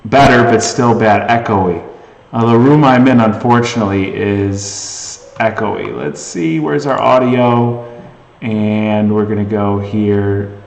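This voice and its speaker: A man's voice: on the low side, takes it slowly, creaky, distant mic. A man hosting a casual live stream and chatting with viewers, his voice heavily echoing off a bare room. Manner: rambling, restarts and talks to chat. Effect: heavy echo from a bare room. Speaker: livestream host. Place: echoey room indoors. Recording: echoey room with long reverb.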